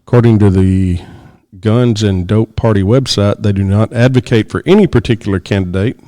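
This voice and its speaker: Low-voiced man hosting a casual podcast. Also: moderate pace, dark tone, no echo. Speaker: podcast host. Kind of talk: casual podcast banter, reading news stories.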